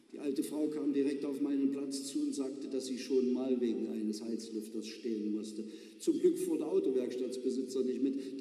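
A man's voice: medium pitch, warm tone. A man from East Germany reading his own humorous story aloud in a dry, understated way at a live event in a large church. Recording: echoey church from far off.

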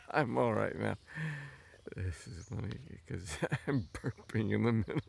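A man's voice: fairly low pitch, gravelly, slight background noise. A man talking casually and hesitantly, stumbling through fillers and restarts as he sets up a role play as a patient.

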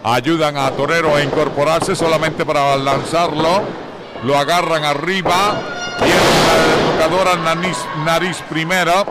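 A man doing live wrestling commentary as a play-by-play announcer, colorful and excitable, with drawn-out exclamations. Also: a little high, over loud music. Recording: clearly noisy live venue recording.

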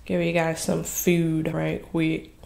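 A woman's voice: low voice, completely flat delivery, slow, gravelly, darkish tone. A woman in her twenties chatting casually to viewers while eating crunchy fried chicken, humming as she savors it. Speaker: mukbang host. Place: indoors in front of a green backdrop.

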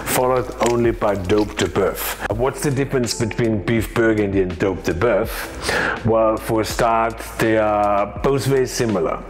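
A man's voice: fairly low pitch, a little slow. A man, explaining a cooking lesson to camera in a home kitchen, chatty and emphatic. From Austria. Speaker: chef and cooking teacher.

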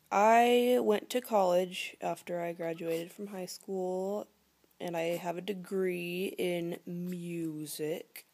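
Twenties woman vlogging at home, close cam, warm lowish voice, rambly with lots of ums. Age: 20s. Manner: chatty, rambling with many fillers, drops to a whisper at times. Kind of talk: casual chat to camera. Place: living room at home, indoors. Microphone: phone or laptop camera held close.

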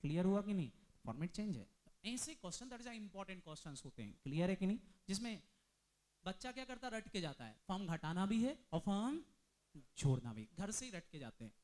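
A man's voice: high-pitched, big pitch swings, darkish tone. Male commerce tutor, classroom lecture, quizzes the students nonstop. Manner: drills students with rapid questions; mixes Hindi with English terms. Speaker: commerce teacher.

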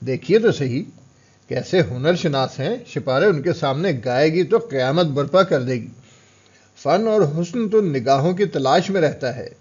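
A man voicing a scheming, coaxing female courtesan hostess in an audiobook, speaking loudly and pleadingly. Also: fairly high pitch, lively intonation, breathy edge, muffled recording.

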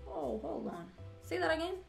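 Slow-talking chatty woman vlogger. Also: very high voice, expressive, gravelly, soft background music. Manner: chatty and playful, repeats words aloud. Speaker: vlogger learning Portuguese. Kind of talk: casual chat, repeating phrases after a lesson.

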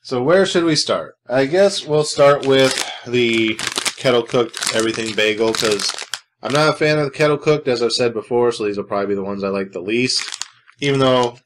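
Man, food review host, casual vlog talk, dry sarcasm, rambling, mid pitch. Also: moderate pace, noisy background.

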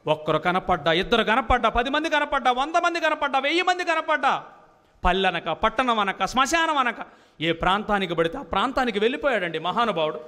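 A man's voice: very high voice, sing-song, fairly quick, pushed and bright. A man preaching a sermon to a congregation, emphatic and repetitive, firing rhetorical questions at his listeners. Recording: long reverb of a hall.

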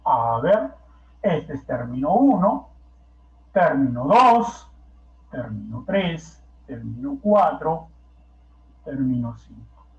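A man's voice: medium pitch, very animated, slow pace, vocal fry, long pauses. A male math teacher with a Peruvian Spanish accent, lecturing and coaxing students with constant rhetorical questions. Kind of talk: classroom lecture. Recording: echoey, dull lo-fi classroom recording.

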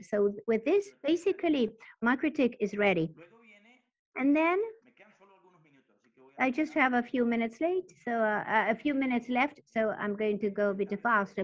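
A woman with a somewhat high voice walks through a technical setup in halting, stop-start phrases. Her delivery keeps pausing and picking up again. The sound is dull and lo-fi, like a muffled webinar feed. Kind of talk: technical presentation.

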